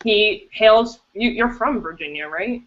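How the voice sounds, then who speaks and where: A woman's voice: medium pitch, expressive, measured pace, fairly bright tone. A woman hosting a live podcast over a video call, giving upbeat, chatty introductions of her guests. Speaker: podcast host and director. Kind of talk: casual live-stream chat. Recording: dull lo-fi call audio.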